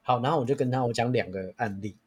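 Man, Taiwanese Mandarin accent, young adult, podcast host, casual chat, husky, rapid, full of restarts. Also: mid-range voice. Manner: lively storyteller with many restarts and fillers.

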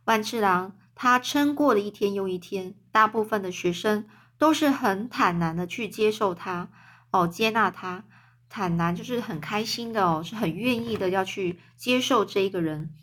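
A woman's voice: moderate pace, fairly bright tone. A woman reading a children's novel aloud, stopping to explain words in simple terms. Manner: voices the quoted characters with raised pitch.

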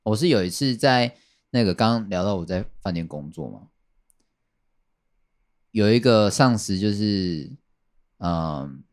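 A man chatting casually on a podcast, rambling and repeating his phrases with many fillers. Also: sits low. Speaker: podcast guest telling a work story.

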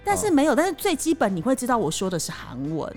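A woman, co-hosting a casual chat show and telling a story with animated, teasing delivery. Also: high voice, quick pace, faint music behind. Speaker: podcast co-host.

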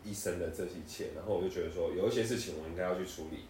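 A man's voice: low-pitched, rapid-fire, a little mellow, distant mic. A man in his twenties with a Taiwanese Mandarin accent, co-hosting a casual podcast chat, telling stories and laughing often. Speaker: podcast co-host. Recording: echoey room, voice off-mic, faint noise.

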